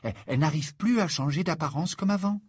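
A man's voice: on the high side, fast talker, slightly rough, no echo, clean studio sound, voice pushed up. A man voicing a clever, earnest teenage girl who protests and explains in a storybook reading. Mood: explaining. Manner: earnest, indignant.

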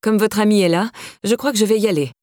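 A woman's voice: mid-range voice, lively intonation, brisk, darkish tone, breathy edge, no echo, voice pushed up. A woman reading an audiobook and voicing a stiff, haughty middle-aged woman with a dry, clipped delivery. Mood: curt.

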